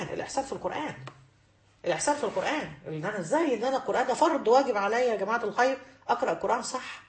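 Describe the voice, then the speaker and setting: A woman's voice: medium pitch, roomy sound. A woman with an Egyptian accent giving a religious lesson to women, emphatic and repeating key phrases to drive them home. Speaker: religious teacher.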